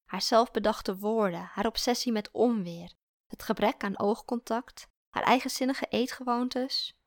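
A woman reading a story aloud in a calm, reflective way. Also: fairly high pitch, measured pace, no room sound, studio quality. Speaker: narrator. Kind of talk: scripted story narration.

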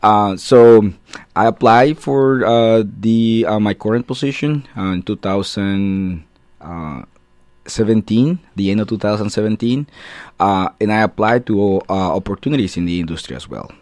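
A deep-voiced guest in his thirties, his plain in his English. He answers radio interview questions hesitantly, with many filler sounds. The sound is dry, with no room around it. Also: normal speed, darkish tone, no echo. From Guatemala. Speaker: guest, assistant professor.

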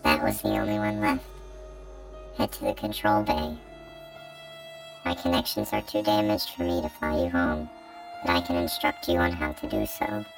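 A hushed robotic spaceship computer, voiced by a woman, giving urgent instructions in a very deep, gravelly register. Her voice carries a synthetic machine filter. Loud music plays under her in this spoken horror story. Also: sing-song, normal speed, long pauses, full character voice. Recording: loud music bed behind.

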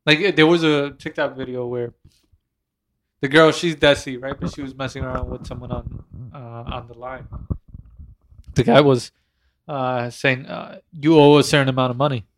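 A man's voice: mid-range voice, steady tone, moderate pace, long pauses, fairly bright tone, slight background noise. A man co-hosting a podcast, chatting casually and rambling with lots of "like" fillers. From India. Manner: laid-back, rambling, filler-heavy with "like". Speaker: podcast co-host. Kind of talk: casual chat.

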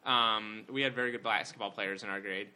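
Young male co-host, bright voice, chatty storyteller, quick to laugh. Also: on the low side, steady tone. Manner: laughing often, rambling with restarts. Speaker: podcast co-host. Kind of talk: casual chat, storytelling.

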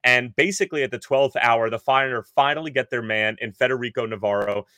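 Man, podcast co-host, inside a closet, dry deadened sound, quick energetic delivery. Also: mid-range voice, no room sound. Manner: quick, energetic sports analysis. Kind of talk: casual sports podcast chat. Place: inside a clothes closet at home.

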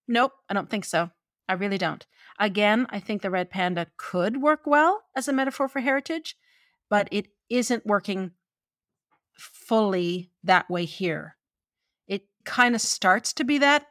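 A woman from gives conversational opinion commentary on film, expressive and opinionated, with wry asides. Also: mid-range voice, dry recording, clean studio sound. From Newfoundland, Canada.

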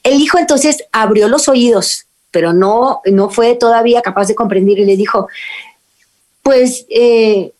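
A woman's voice: fairly high pitch, normal speed, hardly any pauses, darkish tone. A middle-aged woman with a Mexican accent who hosts a radio talk on parenting and faith and speaks earnestly and emphatically to her listeners. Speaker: radio host.

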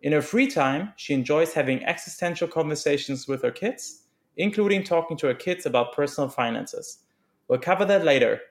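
A man's voice: fairly high pitch, expressive, fairly quick. A man hosting a personal finance podcast, interviewing a guest with frequent ums and uhs. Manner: hesitant, many fillers. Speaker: podcast host.

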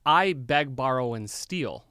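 Young man, casual chat, animated storyteller, bright tone, crisp dry sound. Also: mid-range voice, slow pace, no echo. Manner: animated storyteller who swears freely. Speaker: podcast guest.

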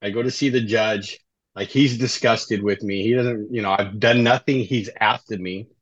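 A man's voice: on the low side, fairly even intonation, moderate pace, slightly rough, no echo. A middle-aged man from Southern California, a life coach telling his story as a guest in an interview, in a conversational way that keeps tagging lines with "right?". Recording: dull, slightly lo-fi dry audio.

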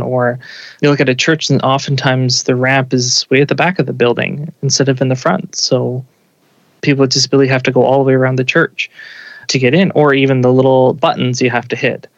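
A man's voice: medium pitch, a bit bright, no echo, lo-fi sound. A man in his thirties, a father answering interview questions in an earnest, reflective way with frequent restarts. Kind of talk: conversational interview.

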